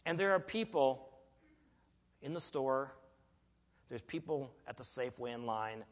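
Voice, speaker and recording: A man preaching a sermon in a church, earnest and emphatic, telling a personal story with pauses. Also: mid-range voice, animated. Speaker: lay preacher. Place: church sanctuary. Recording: echoey church hall, dull lo-fi.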